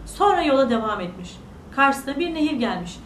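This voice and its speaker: A woman tells a bedtime fairy tale in a lively, sing-song way, her voice high and swinging widely in pitch. The recording sounds echoey and set a little far from the mic. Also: a little fast, a little hiss or hum. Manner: animated, sing-song storytelling. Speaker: storyteller. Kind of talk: children's fairy tale narration.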